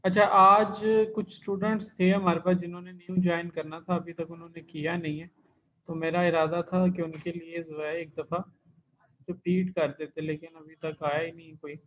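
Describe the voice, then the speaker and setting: High-voiced man teaching an online class. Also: level tone, normal speed. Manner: patient, explains step by step, repeats terms. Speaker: language teacher. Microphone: computer mic in an online class. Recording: dull lo-fi online class recording.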